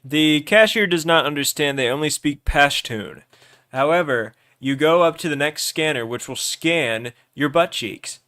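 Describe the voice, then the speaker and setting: Young man, livestream host, goofy, teasing, improvised game narration, smooth voice, dry sound. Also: fairly high pitch, unhurried, no room sound. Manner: loud, goofy, teasing, often restarts words. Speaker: livestream host running an AI role-play.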